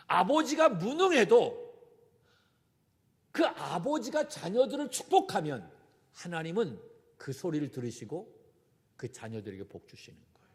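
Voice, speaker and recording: A man delivers a Sunday sermon as a pastor, his voice pitched high and full of wide, animated swings. He keeps turning to the congregation with direct questions and appeals. The sound carries a long reverb from the church sanctuary. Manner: preaching with rising emphasis and direct appeals to the congregation.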